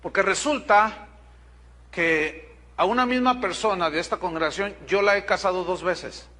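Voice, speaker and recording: A man's voice: high-pitched, moderate pace, sharp tone. A man preaching a sermon as pastor, talking directly and telling stories with quoted dialogue.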